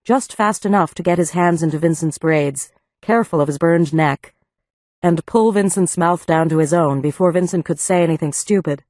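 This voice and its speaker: A woman narrating an audiobook in an even, measured reading on a close studio mic. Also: on the low side, no echo. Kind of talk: scripted narration.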